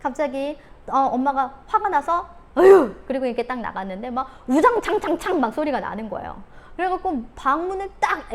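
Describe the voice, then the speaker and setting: A woman giving a talk on parenting, who acts out scolding mothers in sharp outbursts. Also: on the high side, a little hiss or hum. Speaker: parenting coach.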